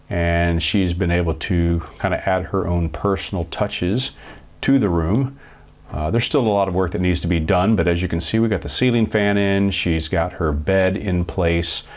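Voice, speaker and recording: A middle-aged man giving a casual, explanatory voice-over for a home building video. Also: deep voice. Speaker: DIY vlogger.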